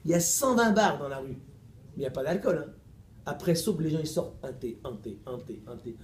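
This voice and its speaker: Animated male preacher, echoey mosque recording. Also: on the high side, brisk. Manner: animated, playful, laughs often, acts out dialogue. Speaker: preacher giving a lecture. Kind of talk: lively storytelling talk. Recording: echoey room recording with faint ambience.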